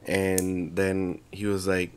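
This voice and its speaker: A man's voice: low-pitched, monotone, slow, a little hiss or hum. A young man, congested, co-hosting a podcast in casual, rambling chat full of swearing and restarts. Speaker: podcast co-host.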